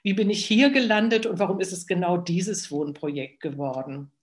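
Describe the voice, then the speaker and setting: A woman in her seventies from Hesse, telling her own life story in an unhurried way, with pauses and fillers. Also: fairly low pitch. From Hesse, Germany. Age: 70s. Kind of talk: personal storytelling.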